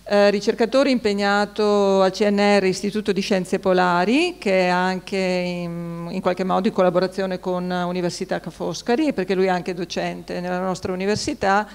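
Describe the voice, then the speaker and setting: A woman's voice: medium pitch, fairly even intonation, normal speed, few pauses, clean tone. A middle-aged woman moderating a public event in a semi-formal, unscripted way, explaining things with hesitant asides. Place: large historic hall, at a panel table. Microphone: table microphone with foam cover.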